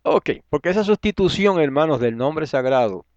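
A man giving an online Bible teaching, emphatic, often asking his listeners rhetorical questions and swinging between loud stresses and quiet asides. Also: on the high side, animated, normal speed, dry recording, highs cut off.

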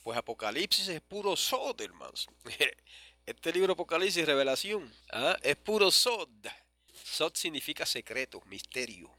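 A man delivers a teaching sermon in a bright, ringing voice, recorded close and dry with no room sound. He explains each term patiently, spelling out key words and calling his listeners brothers. His pace is measured, with frequent small pauses. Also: a little high, sing-song, dry recording. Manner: measured, with frequent pauses and restarts, asks "¿verdad?" often. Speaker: preacher teaching on Revelation.

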